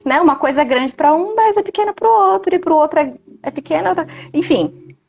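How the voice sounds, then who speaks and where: A woman's voice: very high voice, lively intonation, brisk, gravelly, a little mellow. A mother talking reflectively in a casual live video chat, often ending her points with a tag question.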